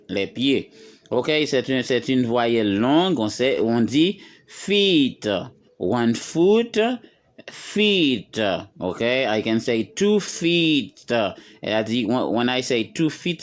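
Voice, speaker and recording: A man teaching English vocabulary to French speakers, slowly repeating words and lifting his voice on each English example. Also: mid-range voice, expressive. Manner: slow, repeats words for learners. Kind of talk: bilingual vocabulary lesson.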